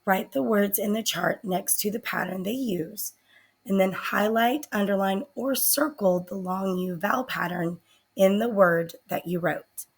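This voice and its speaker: A woman teacher talks through a spelling lesson at an unhurried, careful pace. Her voice has a gravelly edge and a slightly husky tone. She sounds out words deliberately for her students. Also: mid-range voice.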